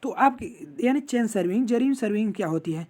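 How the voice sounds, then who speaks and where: Man, online teacher, classroom lecture, step-by-step explaining, frequent check-ins, mellow tone. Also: high voice, animated, brisk.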